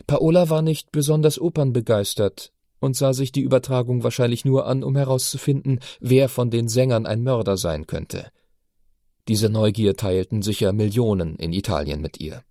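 A man narrating an audiobook in a measured, storytelling way. His voice is dark and mellow, recorded dry and close with no room sound. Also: medium pitch, no echo. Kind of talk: scripted narration.

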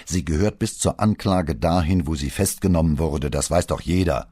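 A man voicing a brisk, matter-of-fact male police colleague on the phone. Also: a bass voice, warm tone, no echo, clean studio sound, voice pushed up.

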